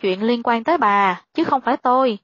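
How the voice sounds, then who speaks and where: A woman reads a pushy old male sorcerer in a spoken horror tale. The voice sits fairly high, with a flat, matter-of-fact delivery. The recording is dry and slightly muffled. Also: normal speed, dry recording. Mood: insistent.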